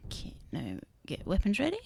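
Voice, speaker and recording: Excitable woman gamer with gravelly fry. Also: medium pitch, brisk, a little hiss or hum. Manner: anxious, repeats phrases under pressure; laughs often, chatty. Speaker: gaming streamer. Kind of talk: live game commentary.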